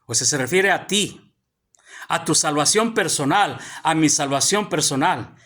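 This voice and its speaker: Unhurried yet expressive, this man's pushed, bright voice runs on the high side as he preaches. Standing before his congregation in a church hall, he frequently calls out "hermano."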